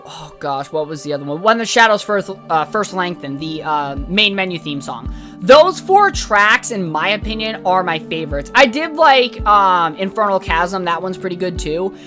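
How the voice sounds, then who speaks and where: A woman's voice: medium pitch, sharp tone. Rambling, candid woman podcaster. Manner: rambling and candid, frequent fillers and swearing. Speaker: podcast host reviewing a video game. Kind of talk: casual opinionated review.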